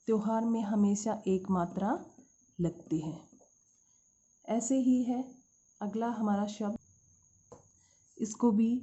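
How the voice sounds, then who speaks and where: A woman's voice: mid-range voice, dark tone. A woman teaching a spelling lesson to schoolchildren, calling them "beta" and asking and answering her own questions. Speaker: Hindi teacher. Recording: dull lo-fi sound.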